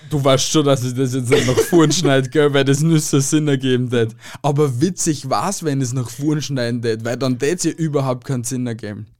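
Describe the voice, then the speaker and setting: A man's voice: medium pitch, normal speed, few pauses, darkish tone. A man, co-hosting a casual comedy podcast, joking and laughing often in colloquial dialect. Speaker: podcast co-host.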